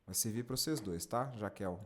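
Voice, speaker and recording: A man's voice: on the low side, fast talker. A man mentoring on cold calls, coaching directly and acting out examples. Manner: animated, direct, demonstrates with lively intonation. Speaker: sales mentor.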